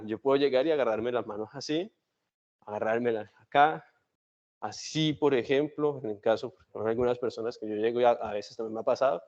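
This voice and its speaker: A man lecturing a university class, animated and demonstrative, talking straight to his students and leading a breathing exercise. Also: mid-range voice. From Colombia. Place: classroom, mixed in-person and online. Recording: dull lo-fi classroom recording.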